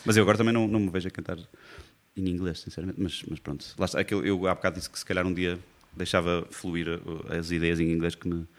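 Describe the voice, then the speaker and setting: A low-voiced middle-aged man with a European Portuguese accent talks quickly in a relaxed conversation. He muses aloud, restarting his sentences as he works out his thoughts. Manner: thoughtful, restarts often, sings a snatch in English. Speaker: singer-songwriter guest. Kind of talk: casual conversation.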